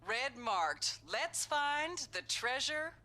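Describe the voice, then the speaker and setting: An actress playing a cheery, slick advertising announcer in a satirical commercial within a video game. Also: female voice, high voice, lively intonation, takes it slowly, bright, forceful tone, heavily acted. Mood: salesy, upbeat.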